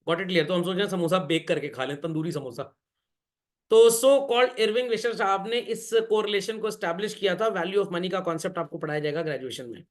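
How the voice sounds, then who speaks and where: A male teacher giving a classroom lecture, joking and quizzing the class as he goes, often calling the students children. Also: sits high. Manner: jokey, keeps addressing the class as children; asks the class quick questions. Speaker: commerce teacher.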